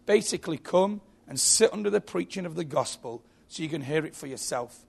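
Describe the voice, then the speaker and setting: Gravelly man preaching with stories. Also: on the high side, animated, fairly quick, darkish tone. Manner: storytelling with frequent restarts and repeated words. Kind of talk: sermon. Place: church.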